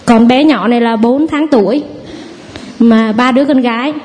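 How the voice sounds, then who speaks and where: A woman's voice: a little high, normal speed, darkish tone, a little hiss or hum. A woman in her thirties, a mother from the audience, nervously sharing a personal testimony and quoting her family in a chatty way. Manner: chatty storytelling, acts out family quotes. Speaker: audience member giving testimony.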